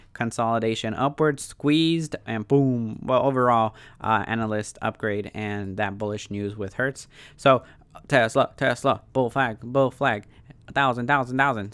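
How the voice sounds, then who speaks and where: A man talks through trading charts like an excitable crypto bro. His voice is clean and smooth at an ordinary pitch, recorded close and dry. He speaks casually in slang, doubling up phrases to drive them home. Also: no room sound. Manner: repeats phrases for emphasis. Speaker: stock trading YouTuber.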